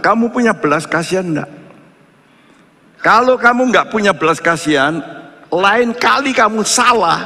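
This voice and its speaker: A male pastor preaching a sermon, firing rhetorical questions and swinging between loud and hushed. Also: high-pitched. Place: church. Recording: echoey church hall.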